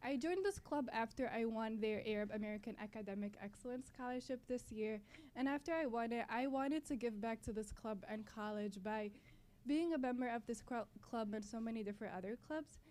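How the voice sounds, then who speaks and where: Speaking briskly in a high-ish voice with a darkish tone, a young adult student club member welcomes an audience at a college library event. Originally from Palestine and a native Arabic speaker, she frequently repeats herself and fixes her wording.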